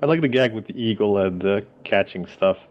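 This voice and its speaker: A man's voice: lowish voice, brisk, lo-fi sound. A man on a podcast panel, giving brief, laid-back remarks. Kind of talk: casual podcast discussion.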